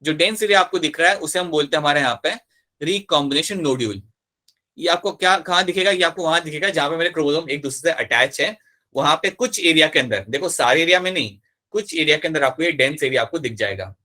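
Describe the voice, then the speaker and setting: Bright-voiced man teaching a biology class. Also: fairly high pitch, quick pace. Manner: explains step by step, repeating key terms and asking for confirmation; switches between Hindi and English mid-sentence. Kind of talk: live online class lecture.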